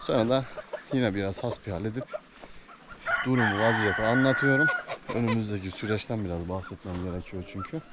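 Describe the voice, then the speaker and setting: A man's voice: fairly low pitch, a little fast. A man vlogging casually from his farm, chatting to viewers and fondly to his animals. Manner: chatty, affectionate with his animals, laughs often. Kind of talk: casual vlog talk to camera. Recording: noisy farm sound with clucking chickens.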